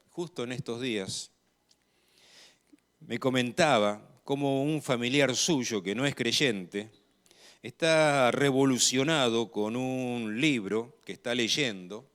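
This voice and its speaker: Here a medium-pitched man with an Argentine accent gives a sermon. He speaks in a measured, emphatic way and raises his volume on important phrases.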